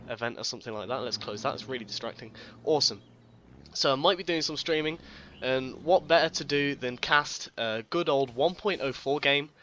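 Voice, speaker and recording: A man with a bright, sharp voice at a middle pitch, commentating a strategy game. He chats casually, laughs at his own slips and restarts sentences often. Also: slight background noise. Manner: chatty, self-deprecating, stumbles over words. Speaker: game caster.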